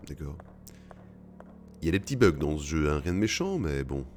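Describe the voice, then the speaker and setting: A man with an extremely deep voice talks through a horror game in a loose, joking commentary, swearing now and then at his mistakes. Faint game music plays underneath. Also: sing-song, a little fast, a little mellow. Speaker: let's play gamer. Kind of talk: casual gameplay commentary.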